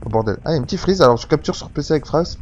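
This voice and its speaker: Man, let's play commentator, chatty and profane, very lively pitch. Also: rapid-fire, muffled recording, slight background noise. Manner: chatty, laughing, swears freely. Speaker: gamer.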